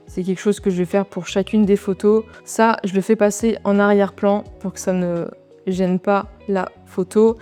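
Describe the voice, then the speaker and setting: Woman, tutorial narration, warm mellow voice, chatty and relaxed, soft music underneath. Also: medium pitch, clean tone. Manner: relaxed, chatty asides while working. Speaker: design tutorial creator. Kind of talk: screen-recorded software tutorial.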